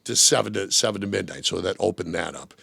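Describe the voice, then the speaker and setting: A man, a former radio DJ, telling stories in an interview, animated and laughing often, putting on voices for the people in his anecdotes. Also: deep voice, fast talker, vocal fry, slightly rough, no room sound. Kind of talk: storytelling interview. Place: radio studio.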